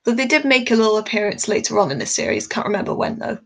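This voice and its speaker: A woman's voice: medium pitch, very animated, quick pace, gravelly, low-quality recording. Chatty, tired woman streaming while drawing. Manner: chatty, rambling, laughs often. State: a bit tired. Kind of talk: casual chat while drawing on a live stream.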